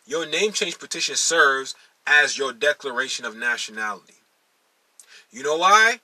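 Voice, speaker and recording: Speaking to his followers with lively intonation, a Maryland man who teaches delivers an emphatic instructional monologue at a moderate pace. His medium-pitched voice has a sharp tone, and he keeps repeating key phrases and saying y'all. There's no room sound, but the recording is rough.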